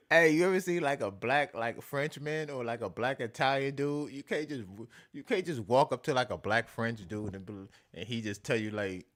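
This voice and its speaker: A man hosting an animated commentary rant, repeating himself emphatically with profanity and mocking asides. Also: medium pitch, a little slow. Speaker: show host.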